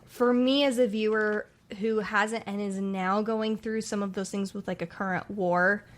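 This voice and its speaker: A woman's voice: mid-range voice, fairly even intonation, a little slow. A woman in her twenties, co-hosting a podcast in casual chat, rambling and searching for words as she talks. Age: 20s. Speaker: podcast co-host.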